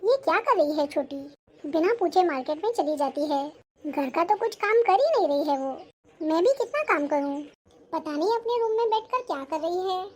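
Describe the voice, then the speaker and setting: Patient, hardworking elder sister-in-law, fusses aloud , played by an actress; very high voice, family short film. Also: female voice, animated, normal speed, darkish tone, a little hiss or hum. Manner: fussing, complaining to herself. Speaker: actor. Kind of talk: family drama acting.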